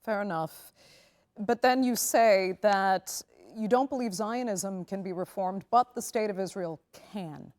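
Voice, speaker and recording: A woman's voice: mid-range voice, measured pace, darkish tone. A woman interviewing a guest, framing background and asking direct, probing questions.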